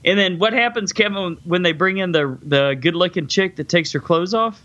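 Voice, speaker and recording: A man's voice: sits high, normal speed, bright, forceful tone, muffled recording. A man co-hosting a casual podcast chat, joking, swearing and retelling scenes.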